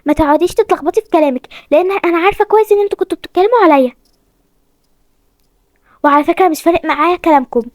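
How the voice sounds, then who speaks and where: A woman's voice: very high voice, very fast, long pauses, a little mellow, no echo, studio quality. A woman with an Egyptian accent voicing an eerie new orphan girl who talks curtly and confrontationally. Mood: cold. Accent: Egyptian Arabic.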